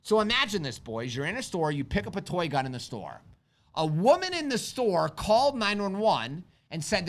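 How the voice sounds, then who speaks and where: A man's voice: sits high, fairly bright tone. A man who teaches firearms, hosting a casual live stream, telling stories animatedly, asking rhetorical questions and chatting with his kids. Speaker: firearms instructor and livestream host. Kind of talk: live-stream chat answering viewer questions.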